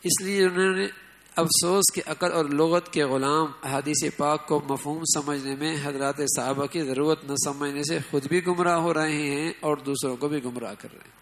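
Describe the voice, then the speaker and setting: Gravelly-voiced male preacher. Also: on the high side, fairly even intonation, low-quality recording. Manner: conversational, asks the audience often. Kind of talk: Islamic sermon.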